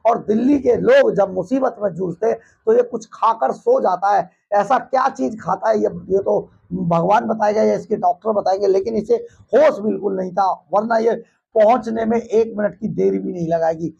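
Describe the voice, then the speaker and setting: A man's voice: sits high, normal speed, vocal fry, dark tone, breathy edge, highs cut off. A man presenting news commentary over footage, combative and mocking.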